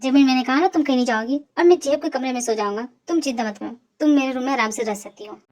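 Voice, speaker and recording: A woman's voice: high voice, very fast, darkish tone, natural voice. A woman voicing a cocky, bossy young man in an amateur fan dub. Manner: bossy, curt.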